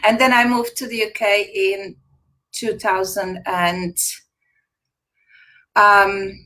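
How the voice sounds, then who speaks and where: A woman's voice: medium pitch, level tone, slow pace, sharp tone, low-quality recording. Give me a laughing woman on a video call. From Slovakia. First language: Slovak. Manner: chatty, laughs often, loose grammar. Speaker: guest, retired dog groomer. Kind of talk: casual interview chat.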